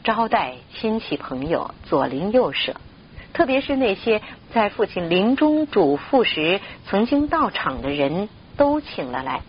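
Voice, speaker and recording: A woman narrating a story aloud in an expressive, steady reading voice. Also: medium pitch, measured pace, lo-fi sound, slight background noise.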